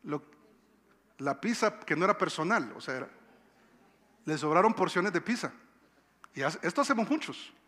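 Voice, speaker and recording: A man's voice: high-pitched, big pitch swings, normal speed, long pauses, sharp tone. A male pastor with a Colombian Bogotá accent, preaching a conversational sermon and repeating phrases for emphasis. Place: church sanctuary. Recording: long church-hall reverb.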